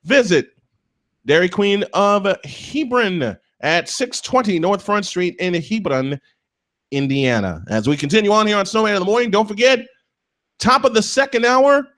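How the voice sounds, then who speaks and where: A man hosting a live morning sports talk show, reading sponsor spots and chatting excitably while fumbling with his setup. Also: sits high, normal speed.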